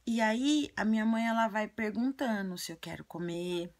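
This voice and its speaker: A woman voicing an earnest, chatty little girl who tells childlike stories and gives advice in a breathy, often half-whispered voice. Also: medium pitch, moderate pace, natural voice. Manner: childlike storytelling, repetitive. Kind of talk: video monologue in character.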